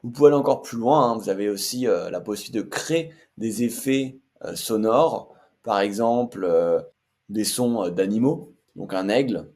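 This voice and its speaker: Male tutorial host, low register, relaxed and hesitant delivery, walks viewers through tools. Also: normal speed. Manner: chatty, many filler hesitations. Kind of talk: casual screen-share tutorial.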